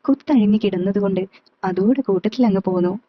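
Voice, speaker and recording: Woman story reader, steady even narration; dry, slightly dull recording. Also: mid-range voice, a little fast, no echo. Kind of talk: first-person story narration.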